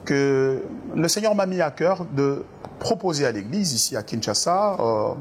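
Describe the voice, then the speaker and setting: Earnest pastor explaining doctrine, halting. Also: male voice, a little high, lively intonation, a little hiss or hum. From Democratic Republic of the Congo. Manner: earnest, preacherly, many hesitations and repeats. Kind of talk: interview answers on faith.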